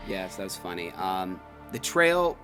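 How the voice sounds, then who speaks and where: A man co-hosts a casual, conversational review of a haunted attraction, rambling through stories with quoted asides. His voice is low, a little slow, and swings widely in pitch, with music playing under the talk.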